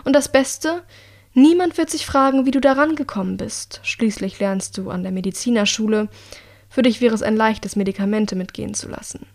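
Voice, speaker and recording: A woman reading as a cold, soft-spoken young killer. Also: on the high side, vocal fry. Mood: quietly menacing. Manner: quiet, measured, icily polite. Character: calm, coldly menacing young woman assassin.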